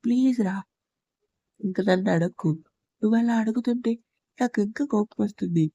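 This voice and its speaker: A woman's voice: a little high, normal speed, dark tone, dry recording, muffled recording. A woman narrator voicing a stern, brooding young husband who speaks curtly in a storybook. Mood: firm. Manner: curt and firm.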